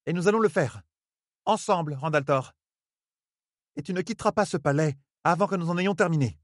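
Man putting on a young noblewoman, storybook, commanding, steady, dry close sound. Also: lowish voice, a little fast, no room sound, voice pushed up, close to an everyday voice. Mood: firm. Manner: steady, determined.

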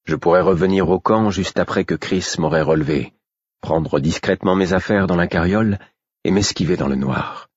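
A man with a very low, husky voice reads a first-person novel in a measured, steady way. The sound is dry and close, with a dull, lo-fi quality. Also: dry recording. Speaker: audiobook narrator. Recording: dull lo-fi recording.

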